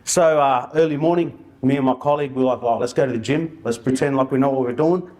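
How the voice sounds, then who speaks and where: A man presents in an informal, storytelling way. His voice sits at a medium pitch, and he talks in colloquial, slangy phrases like an outreach worker sharing experience from the job. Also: fast, background noise. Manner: colloquial and anecdotal, with slang and re-enacted dialogue.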